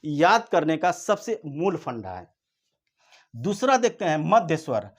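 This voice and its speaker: A man teaching an exam-prep lesson, explaining slowly and repeating points, drawing out vowel sounds to demonstrate them. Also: on the high side, sing-song. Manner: slow, repetitive explaining, drawn-out vowel demonstrations.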